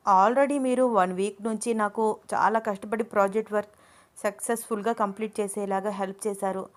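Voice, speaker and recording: A woman voicing a playful, cheeky young female student who pleads and teases in quick bursts. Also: medium pitch, natural voice. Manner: pleading, teasing, talks fast.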